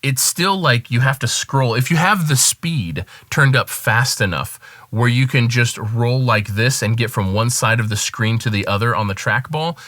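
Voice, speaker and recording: A man, a music producer, giving a casual product review and calmly weighing the pros and cons. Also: medium pitch, moderate pace, dry recording.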